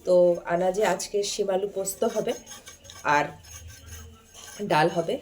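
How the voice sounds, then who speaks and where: A woman's voice: lowish voice, a little slow, a little hiss or hum. A woman, narrating a casual daily-life vlog from her home kitchen and chatting viewers through her chores.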